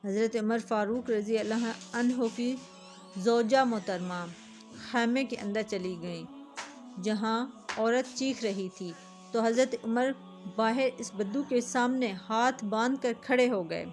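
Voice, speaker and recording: A woman's voice: on the high side, a little mellow. A woman narrating a moral religious story in an earnest tone, speaking directly to her viewers. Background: faint music.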